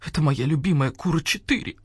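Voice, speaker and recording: A woman voicing a sensitive, tearful young male badger-cat, soft and whiny. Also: sits low, quick pace, slightly rough, dry recording, clean studio sound. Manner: soft, whiny, easily hurt.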